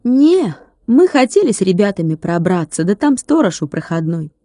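A woman's voice: medium pitch, sing-song, normal speed, warm tone, no echo, close to an everyday voice. Brief: earnest, pleading fourth-grade boy, played by a woman, storybook, slightly raised voice, dry.

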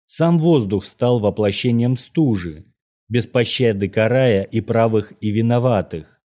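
A man voicing an old Norwegian mage, courteous and menacing, who speaks in a measured, formal, lecturing way. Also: on the low side, warm tone, lightly acted.

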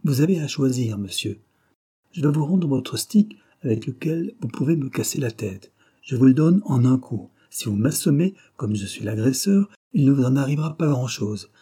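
A man voicing a big, brash young man who talks bluntly and provokes others with mocking calm. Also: medium pitch, moderate pace, slightly rough. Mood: cold.

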